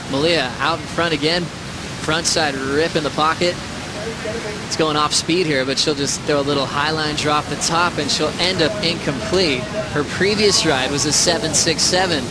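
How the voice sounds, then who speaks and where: Guy calling surf heats, slightly high voice, clipped slangy phrases, loud ocean roar behind him. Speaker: surf contest play-by-play announcer. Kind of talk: live sports play-by-play commentary. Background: ocean waves, rumbling noise.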